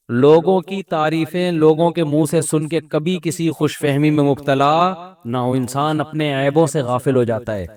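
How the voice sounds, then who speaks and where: A middle-aged man preaching an Islamic sermon, his Pakistani Urdu accent clear in every phrase. His voice sits notably high for a man. He talks in an easy, conversational way and slips into quick sketches of the people he quotes. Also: darkish tone. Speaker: religious preacher.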